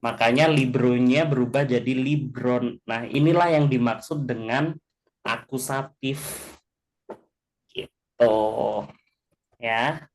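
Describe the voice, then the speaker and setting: A man teaching a class in a casual way, often checking in with his listeners, slowing down to spell out example words and chuckling now and then. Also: medium pitch. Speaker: language teacher. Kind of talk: casual explanatory class talk.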